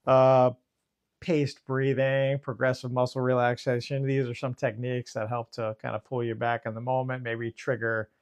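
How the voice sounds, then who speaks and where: A man, a therapist co-hosting a podcast, explaining calmly and mixing clinical terms with casual swearing. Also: medium pitch, normal speed. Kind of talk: casual chat.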